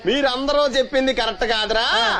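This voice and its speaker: A man's voice: very high-pitched, quick pace, pushed and bright, exaggerated voice. A giggly prankish young man. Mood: teasing. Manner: giggly teasing banter. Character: prankish young man teasing his gullible buddy. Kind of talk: film comedy scene.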